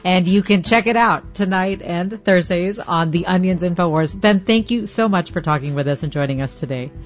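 A woman hosting a radio talk show, brisk and polite as she takes calls. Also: lowish voice, muffled recording, soft background music. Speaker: radio host.

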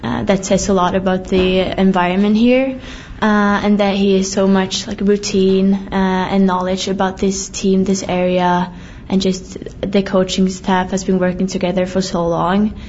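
A woman's voice: mid-range voice, little pitch movement, a little slow, a little mellow, highs cut off, slight background noise. A young woman from Sweden with a Swedish accent, answering interview questions as a student athlete, hesitant with many fillers. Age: young adult.

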